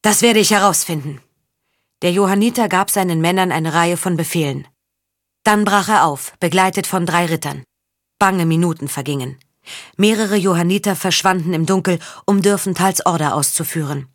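A woman reading a historical novel aloud with steady, measured narration. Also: lowish voice, no room sound, studio quality. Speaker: audiobook narrator. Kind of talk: scripted narration.

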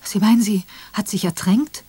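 A woman reader voicing a distraught young husband who shouts high and strained. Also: steady tone, moderate pace, breathy edge, no echo, close to an everyday voice. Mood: desperate.

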